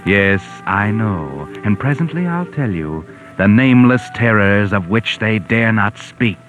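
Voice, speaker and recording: An actor playing a sinister, all-knowing storyteller in a theatrical, deliberate 1940s radio mystery style. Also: male voice, on the low side, expressive, fairly bright tone. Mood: ominous. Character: sinister omniscient male narrator who walks by night. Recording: muffled vintage 1940s radio recording. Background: music.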